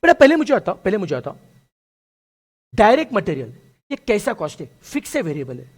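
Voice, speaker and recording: A man's voice: high voice, a little fast, breathy edge. A male costing teacher giving a lecture, explaining with stories and quizzing his students, whom he calls "beta". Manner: lively, asks students questions, calls them "beta". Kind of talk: classroom lecture with story examples.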